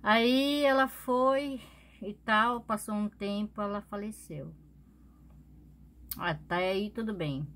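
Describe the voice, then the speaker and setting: A woman's voice: medium pitch, slow, long pauses, a little hiss or hum. Chatty woman telling a personal story. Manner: chatty, often adds tag questions and laughs softly. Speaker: vlogger.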